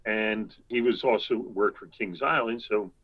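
An older man telling long anecdotes as an interview guest, rambling, with quick asides and chuckles. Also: lowish voice, narrow, tinny audio. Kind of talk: anecdotal storytelling.

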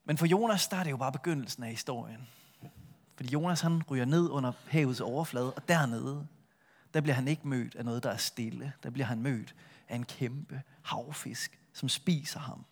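A middle-aged man preaching a sermon, retelling a Bible story with lively shifts between a full voice and a soft hush. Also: mid-range voice. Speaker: pastor.

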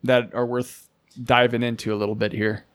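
A man's voice: medium pitch, flat delivery, normal speed, a bit bright. A man hosting a podcast, chatting casually and steering the conversation. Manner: chatty, leads the topics. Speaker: podcast host. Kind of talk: casual chat.

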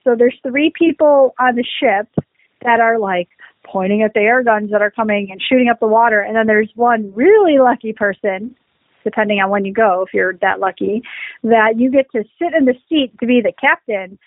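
A woman's voice: fairly high pitch, moderate pace, dry recording. A woman co-hosting a casual podcast, telling rambling stories in a chatty, easygoing way. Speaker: podcast co-host. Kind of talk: casual chat. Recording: dry, phone-like lo-fi sound.

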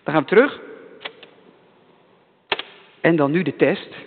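A male pastor giving a lively children's sermon, repeating himself to keep the children's attention. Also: on the high side, slow, big-room sound, phone-quality sound, noisy background. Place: church.

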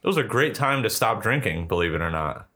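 Low-pitched man, blunt and slangy. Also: lively intonation, a little fast, sharp tone. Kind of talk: casual chat.

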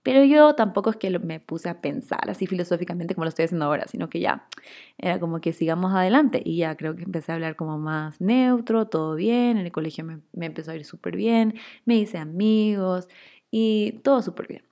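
A young woman telling a personal story in a chatty, expressive way, full of fillers, as a casual vlog. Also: fairly low pitch, fairly quick.

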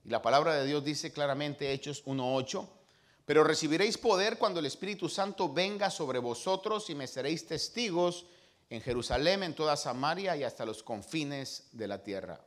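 Male pastor, sermon delivery, high-ish lively voice, dramatic loud-to-hushed swings. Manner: slow, emphatic scripture reading.

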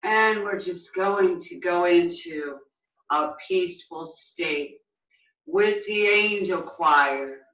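A spiritual guide leading a guided meditation in a soothing, hushed manner with long pauses. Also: medium pitch. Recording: echoey, distant, slightly muffled recording.

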